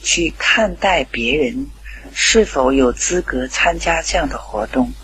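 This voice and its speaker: A middle-aged woman telling a family anecdote, lively and quoting the dialogue in character. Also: extremely low pitch, measured pace, a little hiss or hum, low-quality recording. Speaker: parent. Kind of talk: storytelling anecdote.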